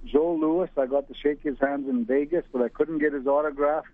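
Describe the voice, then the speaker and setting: A man in his sixties calling in over the phone to a radio show, rambling and halting with many uhs. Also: fairly high pitch, steady tone, dry recording. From Alberta, Canada. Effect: heard over the phone. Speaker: radio caller. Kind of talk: casual phone-in chat. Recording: tinny dry phone line.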